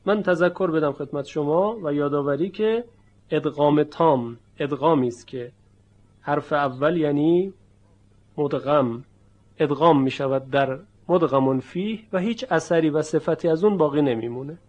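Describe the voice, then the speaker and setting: A man teaching a tajweed lesson, explaining merging rules patiently and demonstrating each sound slowly and emphatically. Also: a little high, darkish tone. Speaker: Quran recitation teacher.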